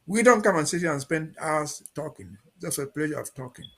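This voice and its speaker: A man's voice: on the high side, animated, fairly quick, fairly bright tone. A man speaking as a barrister guest in an interview, giving an emphatic, cautionary statement.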